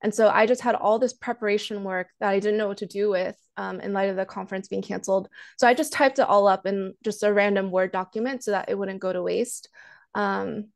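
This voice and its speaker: Soft-spoken woman on a video call. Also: mid-range voice, fairly even intonation, fairly quick, vocal fry. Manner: soft-spoken, self-deprecating, many ums and restarts. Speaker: guest author and counselor. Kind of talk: casual interview over video call. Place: living room at home, indoors. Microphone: earphone headset mic on video call.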